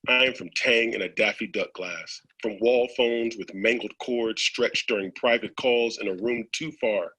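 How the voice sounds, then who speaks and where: Breathy bright-toned man on the radio. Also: fairly low pitch, moderate pace, few pauses, rough recording. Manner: enthusiastic, jokey. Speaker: radio poetry contributor. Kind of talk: radio chat and poem reading.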